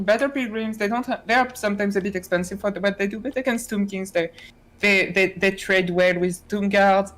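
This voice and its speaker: Woman esports caster, casual chatty commentary, frequent fillers. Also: medium pitch. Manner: chatty, many fillers and restarts. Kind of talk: tournament commentary.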